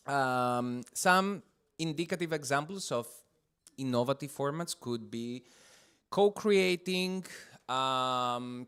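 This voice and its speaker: Man facilitating a conference workshop, smooth voice. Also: medium pitch, fairly bright tone. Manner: gives instructions, lists options with fillers. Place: conference room.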